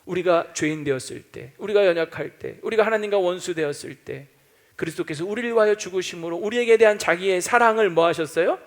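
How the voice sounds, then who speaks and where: A man's voice: high voice, fast talker. A male pastor preaching a sermon, acting out doubting voices and quoting scripture as he goes.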